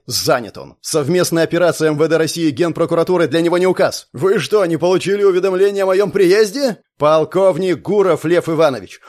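A commanding middle-aged police colonel, bullying and relentless, as a man reads him. His voice sits fairly high and stays forceful in this audiobook scene. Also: close to an everyday voice. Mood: blustering. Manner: forceful, browbeating.

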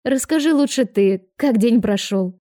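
A woman's voice: fairly high pitch, lively intonation, unhurried, warm tone, voice pushed up. Woman voicing a flustered grandma in a young body. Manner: eager, blurting. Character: grandmother magically made young again, flustered.

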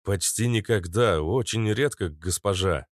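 A man's voice: lowish voice, unhurried, no echo, clean studio sound, close to an everyday voice. A man voicing an eager, servile young male henchman in an audiobook, fawning and keen.

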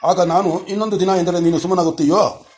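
A man's voice: sits high, steady tone, quick pace, a little mellow, close to an everyday voice. A man reading the part of a loving young mother who speaks tenderly to her small son in a storybook.

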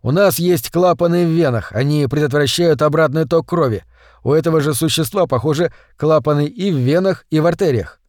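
Man reading a calm, explaining male scientist, audiobook, slightly raised pitch, dry. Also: no echo, close to an everyday voice. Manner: measured explaining.

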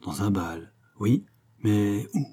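An anxious, lovesick nobleman who answers in a low, unsteady voice, voiced by a male narrator. The tone is dark and a little husky, hushed and hesitant. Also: expressive, takes it slowly, exaggerated voice. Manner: hesitant, shaken.

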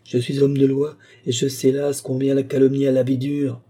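A man reading the part of an aging village lawyer who talks slowly and gently, pausing heavily. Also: medium pitch, completely flat delivery, slightly rough, voice pushed up, close to an everyday voice. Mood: grave. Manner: slow, gentle and pleading, with heavy pauses.

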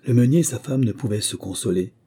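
Dark husky male storyteller. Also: mid-range voice. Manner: measured storytelling delivery. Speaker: narrator. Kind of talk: audiobook tale narration.

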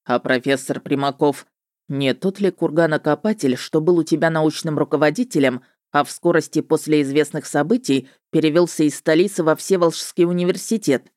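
A pushy, self-assured male witcher from a fantasy audiobook, pitched low and gruff, as a woman reader puts him on. He talks in a curt, businesslike way and brushes off questions. The voice sounds close and dry. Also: a little fast, darkish tone, dry recording, natural voice. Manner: curt, dismissive, matter-of-fact. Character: brash, cocky male witcher, businesslike and sly.

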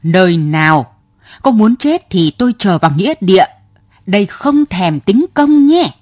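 A man's voice: sits high, big pitch swings, measured pace, no echo, clean studio sound, heavily acted. Woman doing a hot-tempered old cyclo driver. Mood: angry. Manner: exasperated, snapping.

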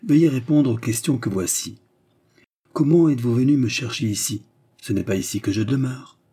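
An all-knowing count speaks with icy irony and calm command, as a man reads him in an audiobook. The voice is dark and husky, a little raised in pitch. It carries quiet authority. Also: normal speed, natural voice. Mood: ironic. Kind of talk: audiobook reading.

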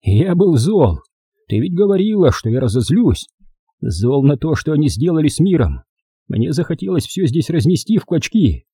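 A man playing a defiant young man with a gun, speaking forcefully in an audiobook reading. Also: on the high side, sing-song, normal speed, slightly rough, no echo, clean studio sound, pitched above the performer's own voice, heavily acted. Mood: accusing. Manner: forceful, shouting.

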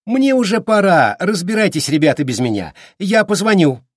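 A man's voice: high voice, big pitch swings, moderate pace, slightly rough, no echo, studio quality, pitched above the performer's own voice, heavily acted. A man voicing a smug, balding older man with a thin, unpleasant voice and a mocking, falsely friendly manner. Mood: smirking.

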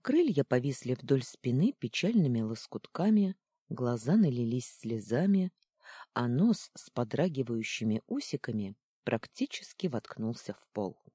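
An audiobook narrator reading a children's fantasy story with expressive, lively storytelling. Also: mid-range voice, measured pace, slightly rough, dry recording, clean studio sound.

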